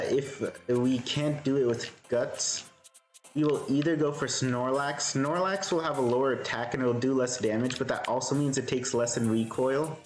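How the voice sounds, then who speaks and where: A man with a soothing, medium-pitched voice live-streams a game, thinking aloud in a relaxed way and answering chat. The sound is roomy.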